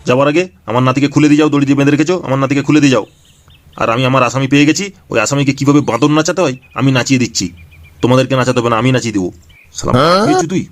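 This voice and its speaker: A man's voice: medium pitch, lightly acted. Man playing a blustering old cartoon grandfather. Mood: furious. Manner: scolding, shouting, bossy. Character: blustering old grandfather, hot-tempered and protective. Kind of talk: cartoon voice dubbing.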